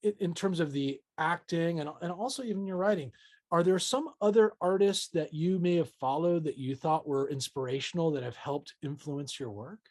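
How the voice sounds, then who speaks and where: A man's voice: on the high side, normal speed, darkish tone. A man hosting an interview, asking questions in a rambling, enthusiastic way with many fillers like you know. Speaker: interview host.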